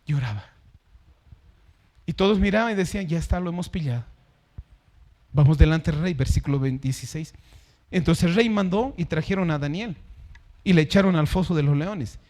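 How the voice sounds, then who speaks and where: A man preaching a sermon in a notably high voice. He drags out key words for emphasis and moves between forceful declarations and quiet, hushed asides. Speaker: pastor.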